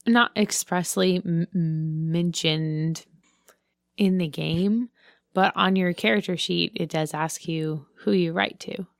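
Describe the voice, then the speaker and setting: A woman's voice: lowish voice, steady tone, slow pace, creaky, dry recording, clean studio sound. A woman co-hosting a podcast, asking questions in a hesitant, casual way, often saying "like" and "I don't know". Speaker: podcast co-host.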